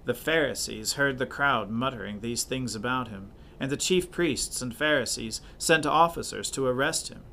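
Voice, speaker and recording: A man's voice: medium pitch, creaky, pushed and bright, a little hiss or hum. Solemn male scripture reader. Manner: measured, solemn reading cadence. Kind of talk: liturgical scripture reading and prayer.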